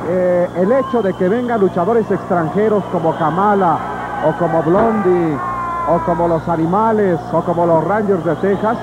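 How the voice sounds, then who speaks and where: A man's voice: sits high, normal speed. A man with a Mexican accent calling live wrestling play-by-play as a commentator. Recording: dull lo-fi old TV broadcast, noisy arena. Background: loud arena ambience.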